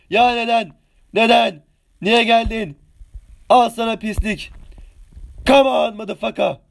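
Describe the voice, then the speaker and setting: An excitable young man of 18 doing live gameplay commentary. He has a fairly high voice, chats with his viewers between rounds and bursts into yelps and pleading whenever an opponent closes in. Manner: excitable, chatty, yells at opponents, hums sound effects. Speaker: game streamer.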